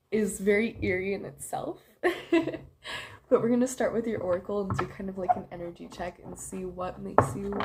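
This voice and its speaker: A young woman giving a casual tarot reading to camera, chatty and giggly, with many fillers. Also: mid-range voice. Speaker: tarot reader.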